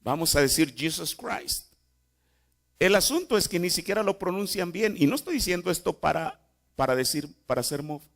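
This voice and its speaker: A man's voice: high voice, animated, fast talker. A man preaching a sermon in a church, repeating phrases and asking the congregation rhetorical questions. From Mexico. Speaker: pastor.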